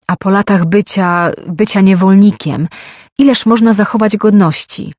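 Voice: mid-range voice, moderate pace, a little mellow, no echo, studio quality, voice pushed up, lightly acted. A reader voicing a young male mage, an earnest envoy who argues and pleads his case in an audiobook. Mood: pleading. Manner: pleading, argumentative.

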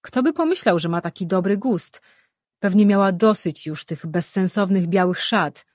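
A woman voicing a confident, decisive male sorcerer in an audiobook, reading in a husky voice. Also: medium pitch, lively intonation, moderate pace, darkish tone, no room sound, clean studio sound, close to an everyday voice. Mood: steady. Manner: firm, decisive.

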